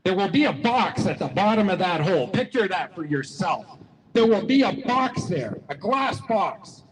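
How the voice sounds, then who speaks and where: At an outdoor rally in a public square, a man gives a folksy, repetitive motivational speech, telling stories along the way. His voice sits high and sing-song at normal speed, with big-room sound and poor audio.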